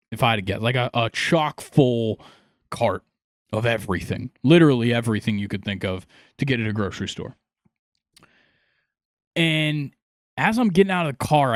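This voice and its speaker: A man's voice: mid-range voice, dry recording. Podcast guy rambling thru a story, lots of likes and restarts, dry close mic. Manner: rambling, animated retelling with many fillers and restarts. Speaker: podcast host. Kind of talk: casual storytelling.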